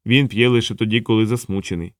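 A man voicing an earnest, soft-spoken young male watchman. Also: fairly low pitch, fairly even intonation, quick pace, dry recording, clean studio sound, natural voice.

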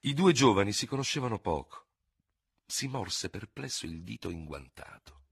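A man narrating a classic novel as an audiobook, in an expressive, theatrical reading style on a close studio mic. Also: on the low side, moderate pace, gravelly, husky, no echo. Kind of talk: scripted literary narration.

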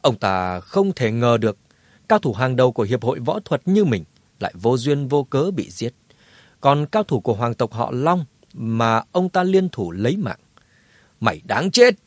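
A man narrating a martial arts novel in a dramatic, lively telling. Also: mid-range voice, no room sound. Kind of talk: scripted audiobook narration.

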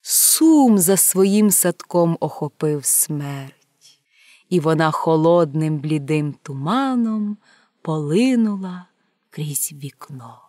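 A woman reading a fairy tale aloud in a hushed voice that often drops to a whisper. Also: sits low, lively intonation, takes it slowly, no echo, clean studio sound. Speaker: storyteller.

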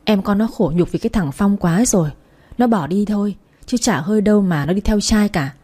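A woman's voice: medium pitch, fairly quick, warm tone, breathy edge, close to an everyday voice. A woman voicing a loyal, outspoken elder sister who talks in a feisty way.

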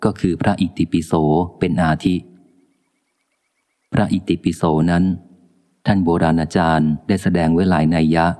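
Male audiobook reader, very low voice, solemn and measured, long reverb. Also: steady tone, a little mellow. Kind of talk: calm scripted book reading.

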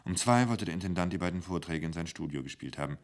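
A man reading a short story for radio in a measured, dry manner. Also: deep voice, expressive. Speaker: narrator.

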